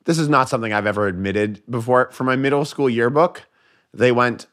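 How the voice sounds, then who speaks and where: An American man, a comedian guest on a podcast, telling jokes in casual chat and doing quick voices for the people in them. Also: mid-range voice. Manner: animated storyteller, voices joke characters.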